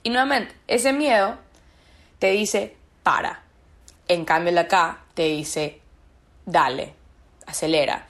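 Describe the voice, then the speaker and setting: A woman's voice: mid-range voice, lively intonation, measured pace, a bit bright. A woman as a podcast guest, talking about her own experience in an earnest, searching way and repeating words for emphasis. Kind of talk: reflective personal conversation.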